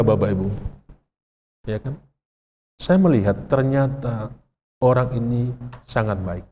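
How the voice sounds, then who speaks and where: A man's voice: mid-range voice, warm tone, a little hiss or hum. A man with an Indonesian accent, a pastor preaching a sermon in a conversational way, often putting questions to the congregation. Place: church sanctuary. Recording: long reverb of a church hall.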